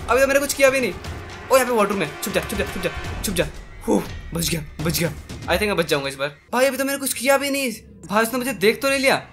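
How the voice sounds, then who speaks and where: Excitable young man, high bright voice. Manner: excitable, yelps and shouts at scares, talks to himself; mixes English into Hindi slang. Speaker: gaming streamer. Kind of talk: horror game commentary.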